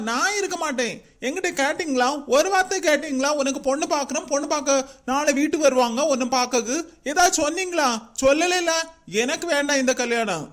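A man's voice: high-pitched, natural voice. A man voicing a touchy young lover. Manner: snappish, quick to anger.

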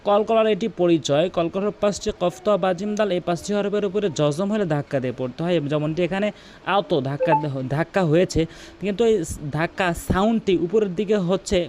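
A man with a high voice teaches Quran pronunciation step by step. He repeats words slowly, contrasting the wrong way with the right one, and breaks into drawn-out melodic recitation for his demonstrations. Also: a little mellow, slight background noise. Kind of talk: tajweed lesson with demonstrations.

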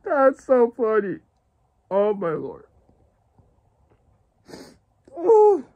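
Male gaming vlogger, unhurried, stammering, giggly casual commentary. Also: on the high side, expressive, dull audio. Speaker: gaming channel host.

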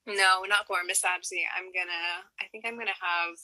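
Chatty woman guest on a live stream, sharp bright voice, giggly and loose. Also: on the low side, fairly even intonation, normal speed, no room sound, rough recording. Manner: chatty, laughs often, lots of fillers. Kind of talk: casual video chat. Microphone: video call.

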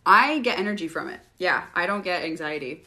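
A woman's voice: on the low side, fairly quick. Chatty woman answering stream questions. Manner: relaxed, chatty, laughs often. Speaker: host answering live viewer questions. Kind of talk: casual livestream Q&A.

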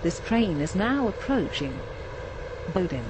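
A woman's voice: sing-song, unhurried. Spliced automated train announcement woman. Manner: each station name jumps in pitch from the words around it. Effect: spliced-together recorded words, automated announcement. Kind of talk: automated public address announcement. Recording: loud train noise behind. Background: rumbling train.

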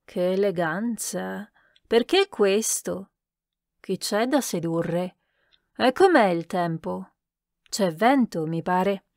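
A woman's voice: mid-range voice, animated, slow pace, gravelly, darkish tone, no echo, clean studio sound. A woman voicing a fussy, scolding elderly countess in a read-aloud novel, raising her voice to give orders. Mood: peevish. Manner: commanding, peevish, raised voice.

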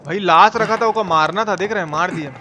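A man with a Bihari accent live-streams gameplay, chatting casually with viewers in slangy commentary, cursing and repeating himself. His voice sits high and sounds sharp, and he talks fast. Game music plays in the background.

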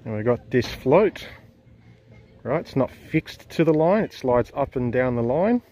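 A man's voice: mid-range voice, animated, a little slow, dark tone. An enthusiastic Australian man in his thirties narrates a casual fishing vlog from a riverside jetty. He explains things plainly and keeps praising his catch. Faint outdoor water noise sits under his voice. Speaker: fishing vlogger. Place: parked car, then outdoors on a river jetty.

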